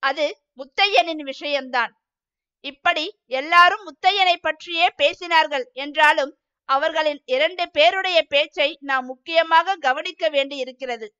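A woman narrating an audiobook with steady storytelling. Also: high voice, measured pace, no room sound, muffled recording. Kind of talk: scripted narration.

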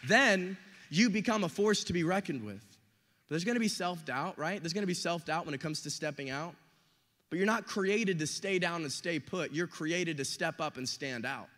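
A young man who is a youth pastor, preaching a sermon with animated delivery and acting out quotes and stories. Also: fairly high pitch, moderate pace. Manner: animated, acts out quotes and stories with big swings in loudness. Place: church hall. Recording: reverberant hall.

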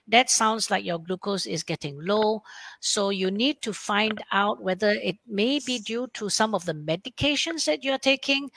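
A woman's voice: mid-range voice, gravelly, a bit bright, dry recording. A woman endocrinologist with a Malaysian English accent answers webinar questions, explaining plainly and acting out what her patients say.

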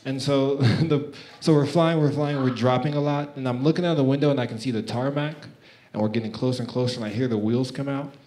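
A man's voice: medium pitch, steady tone, fast talker, a little mellow. A young man doing a stand-up comedy set on a club stage, often laughing sheepishly at himself between jokes. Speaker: stand-up comic. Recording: echoey club with a laughing crowd. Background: audience laughter.

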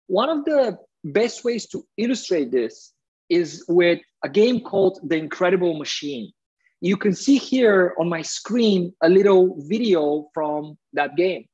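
A man's voice: high-pitched, darkish tone, breathy edge. Bulgarian-born man presenting over a video call. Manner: friendly, earnest, with frequent uh fillers. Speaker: guest speaker, entrepreneur. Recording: dull, lo-fi video call audio.

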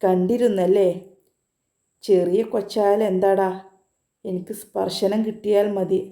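A woman's voice: mid-range voice, flat delivery, a little slow, dark tone, close to an everyday voice. A woman voicing a hot-tempered, scheming young male thug who speaks with anger and a sneer. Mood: menacing. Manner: angry, sneering. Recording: roomy echo.

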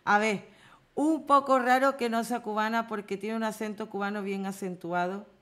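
A woman runs a casual live stream and reads viewers' comments. She talks in a lively, teasing way and breaks into exclamations and laughs. Her voice sits at an ordinary middle pitch. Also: normal speed.

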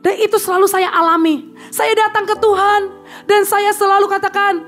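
A woman delivers a chatty, conversational sermon in a strikingly high voice. She breaks off into playful asides to her listeners and slips into pleading tones when she acts out prayers. Soft music plays faintly underneath. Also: flat delivery, moderate pace. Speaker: preacher.

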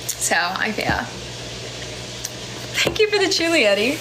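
Filmed close up on a phone camera in a small indoor room, a twenty-something American livestream host with a General American accent chats casually and reads out viewer comments, laughing often and using lots of fillers. She speaks a little slowly in a high-ish, very animated voice, with background noise audible.

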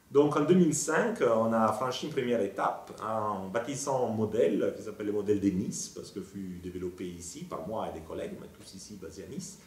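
A man's voice: lowish voice, a little mellow, far from the mic. A man, explaining his research in a thoughtful interview with some hesitations, filmed in an office with bookshelves. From Italy. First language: Italian. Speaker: planetary scientist. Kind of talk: interview monologue. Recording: roomy, from off-mic.

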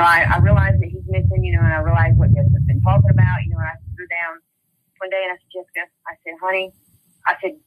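A woman's voice: on the low side, highs cut off. A middle-aged woman, a mother telling her story in an interview, rambling and often repeating "you know" and "I said.". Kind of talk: casual storytelling.

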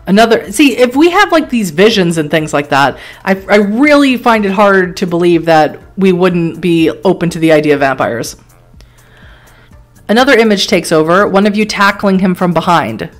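Faint music plays behind a streamer as she reads an interactive horror tale out loud, her voice on the low side and animated. Every choice she considers draws fast, startled remarks and laughs.

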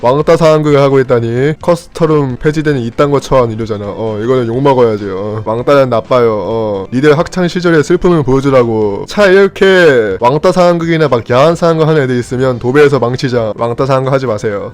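A man's voice: medium pitch, fairly quick, few pauses, a little mellow. A young man, a gaming YouTuber, chatting and teasing his viewers while commenting on his gameplay.

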